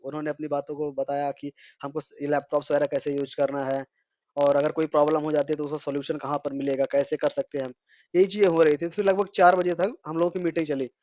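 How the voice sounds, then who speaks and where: A man's voice: on the high side, flat delivery, quick pace, darkish tone, dry recording. A young man from India casually recounting his day in a vlog, chatty and rambling with fillers. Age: young adult. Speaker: vlogger.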